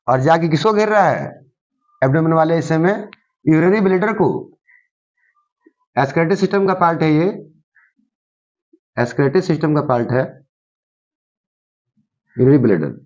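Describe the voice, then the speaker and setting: A science teacher, a man, explains a diagram and says each key term twice. He keeps asking the listener what each part is called, in a high voice. The recording sounds muffled and lo-fi. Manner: repeats key terms and quizzes the viewer with "what is it called?". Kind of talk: explaining a diagram in a class lesson.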